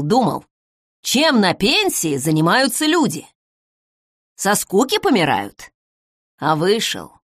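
A woman's voice: on the low side, fairly bright tone, no echo, clean studio sound, exaggerated voice. Woman voicing a timid retired accountant, sixty. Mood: content. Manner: hesitant, apologetic, halting. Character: timid 60-year-old retired male accountant, apologetic.

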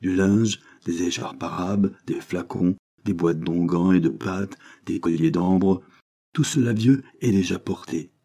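A man with a low, warm voice narrates a classic novel as an audiobook. His reading is measured and expressive. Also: gravelly. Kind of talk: scripted literary narration.

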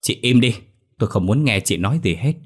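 A man's voice: fairly low pitch, sing-song, quick pace, darkish tone, slightly rough. A man voicing a furious young concubine. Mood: screaming. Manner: sobbing, screaming accusations.

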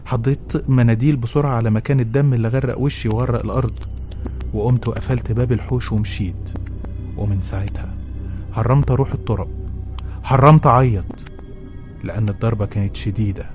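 A man's voice: mid-range voice, fast talker, mellow, faint music behind. A man with an Egyptian Arabic accent, a show host who reads a listener's letter with emotion and then gives advice. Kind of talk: dramatic reading and advice.

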